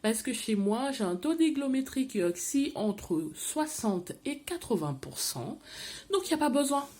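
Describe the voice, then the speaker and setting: A chatty woman talks casually about her houseplants. She is animated and gushing, and tosses English phrases into her talk. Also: fairly high pitch, normal speed. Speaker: plant vlogger. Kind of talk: casual chat.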